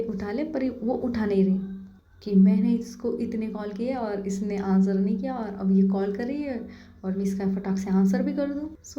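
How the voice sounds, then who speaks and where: A woman's voice: medium pitch, warm tone. Woman telling a story casually. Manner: chatty, with slangy asides to listeners. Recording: dull, roomy lo-fi recording.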